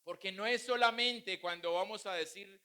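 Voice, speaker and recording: A man's voice: high voice, moderate pace, bright, forceful tone, clean tone. A male pastor preaching a sermon, mixing humorous family stories with teaching. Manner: humorous, anecdotal preaching with acted quotes.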